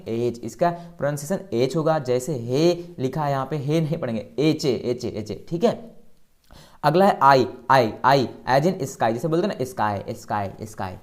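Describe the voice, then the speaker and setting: A man teaching a beginner lesson, saying each word slowly several times and asking the class to repeat after him. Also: fairly high pitch, a little mellow. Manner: slow, deliberate words when modelling pronunciation. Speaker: spoken English teacher. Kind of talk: beginner language lesson, drilling pronunciation.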